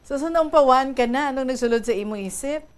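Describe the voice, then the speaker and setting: A woman's voice: high-pitched, quick pace, clear, resonant tone. A woman radio host with a Hiligaynon accent, asking curious questions of a caller and mixing in English words. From Philippines. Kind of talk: radio call-in chat.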